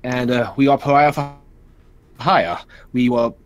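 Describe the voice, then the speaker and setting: A man's voice: mid-range voice, unhurried. A man speaking in character as a player in a tabletop game, casual and summarizing with fillers.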